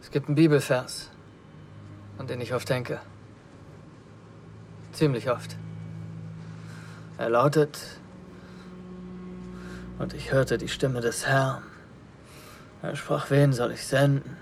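A man's voice: medium pitch, steady tone, takes it slowly, gravelly, pauses often. An actor playing a grim male tank soldier who quotes scripture in a dubbed war film scene. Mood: solemn. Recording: film soundtrack with loud background noise.

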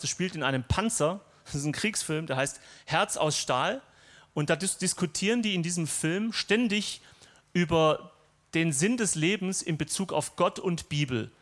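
Chatty, somewhat high-voiced male preacher. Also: a bit bright. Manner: conversational, personal, lightly humorous. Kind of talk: sermon.

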